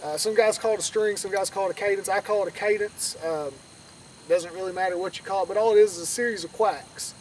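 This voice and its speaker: High-pitched man teaching, outdoors. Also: fast talker, a little mellow. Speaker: duck calling instructor. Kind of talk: informal outdoor tutorial, conversational teaching. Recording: distant mic outdoors, faint background noise.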